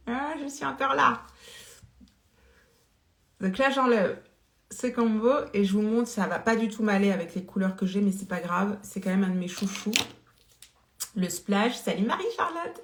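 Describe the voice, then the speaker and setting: A woman chats her way through a live product demo, with plenty of hesitations and restarts as she greets viewers by name. Her voice sits at a middle pitch. The room around her is noticeably echoey. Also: darkish tone. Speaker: beauty live-stream seller. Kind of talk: casual live-stream demo. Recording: roomy echo.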